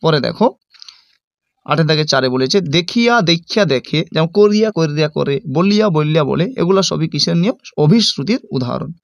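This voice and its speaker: A man's voice: a little high, lively intonation, fairly quick, gravelly, no room sound, clean studio sound. A man with a Bengali accent from West Bengal, reading exam questions aloud and then explaining the answers to his students in a lesson. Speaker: teacher.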